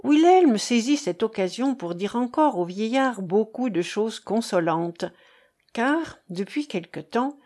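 A woman narrates a classic novel aloud at a measured, steady pace. Her voice sits a bit higher than most women's, and the reading is calm and even throughout. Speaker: audiobook narrator.

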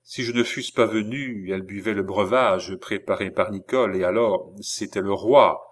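Heartbroken young knight, read by a man, agitated and sorrowful, lowish voice. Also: normal speed, natural voice. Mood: bitter. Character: young nobleman, grief-stricken, hot-tempered brother.

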